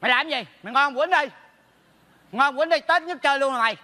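An actor in a stage comedy sketch playing a meddling neighbor who teases in quick, mocking bursts and speaks with a Southern Vietnamese accent. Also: male voice, extremely high pitch, bright, forceful tone, in a large hall, heavily acted. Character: meddling, teasing male neighbor.

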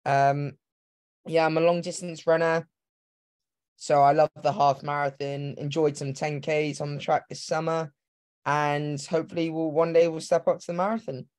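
Casting: young man in his 20s from Hong Kong, flat delivery, rambling and eager, webcam call sound. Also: fairly high pitch, normal speed, clear, resonant tone. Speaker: guest, professional runner. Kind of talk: casual interview. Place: home room. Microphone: video call webcam.

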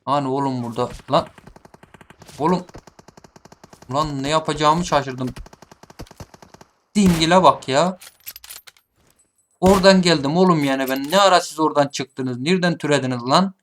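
A man's voice: fairly high pitch, moderate pace, long pauses, slight background noise. Taunting man narrating his gameplay. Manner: taunting opponents, mutters then shouts. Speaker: gaming streamer. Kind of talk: live gameplay commentary. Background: game gunfire.

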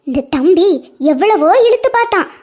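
A woman's voice: extremely high pitch, lively intonation, normal speed, darkish tone. A woman with a Kanyakumari Tamil accent narrating a cartoon moral story in a simple storybook manner.

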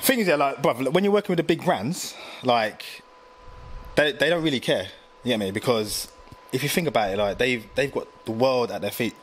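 A man, telling stories in a slangy, animated casual chat full of fillers. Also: mid-range voice, normal speed, a little hiss or hum. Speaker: graphic designer guest.

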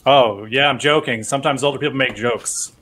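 A man's voice: medium pitch, brisk, fairly bright tone, close to an everyday voice. A man doing an awkward joking math teacher. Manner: dry, awkward banter. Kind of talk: comedic script reading.

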